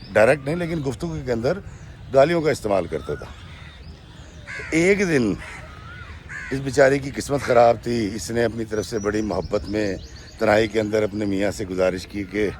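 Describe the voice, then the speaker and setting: A man's voice: on the low side, slight background noise. A man narrating a true-life story in a conversational, emphatic way.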